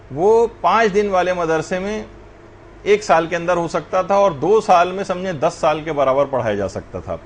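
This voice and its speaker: A man's voice: high-pitched, a little hiss or hum. A man teaching a religious class, lecturing earnestly and addressing his students directly.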